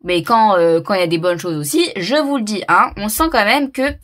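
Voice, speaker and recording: A woman's voice: mid-range voice, normal speed. A woman doing a casual tarot reading to camera, talking hesitantly with lots of fillers and repeated words, and laughing at herself. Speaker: tarot reader.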